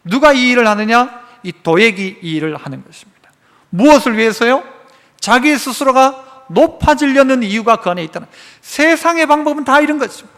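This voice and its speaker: High-voiced pastor preaching in a reverberant church. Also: male voice, animated, normal speed, a bit bright. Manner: asks the congregation questions and answers them himself; acts out the quoted speech of the story's characters. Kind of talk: sermon. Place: church sanctuary.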